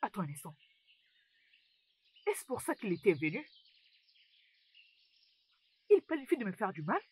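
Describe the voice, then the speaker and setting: A woman's voice: medium pitch, sing-song, measured pace, a little mellow, breathy edge, no room sound. A woman voicing a frightened pregnant young wife in a dubbed film, begging for mercy. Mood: anxious. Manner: pleading, fearful.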